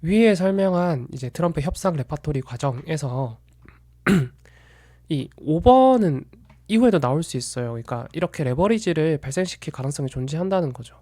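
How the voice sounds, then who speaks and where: A man calmly walking through his own view of markets in a solo commentary, measured and analytical, sometimes stopping to correct himself. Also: on the high side, no echo, studio quality. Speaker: investment commentator.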